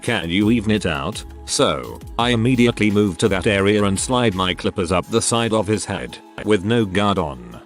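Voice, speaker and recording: A man narrating online stories aloud in a steady read-aloud storytelling manner. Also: lowish voice, moderate pace, soft background music.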